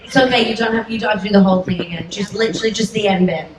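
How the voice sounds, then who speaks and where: A woman hosting a comedy panel game in a theatre, brisk and teasing with the players. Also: medium pitch, fairly even intonation. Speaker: game show host. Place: large theatre on a cruise ship. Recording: echoey theatre, heard from a distance, audience noise.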